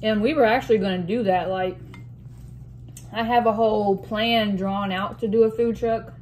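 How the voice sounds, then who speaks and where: A woman chatting casually as a vlog host while eating soup in a mukbang, reading out questions and pausing to clear her throat. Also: mid-range voice, steady tone, darkish tone. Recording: noticeable room noise with dish and cutlery clatter. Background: clinking cutlery and dishes.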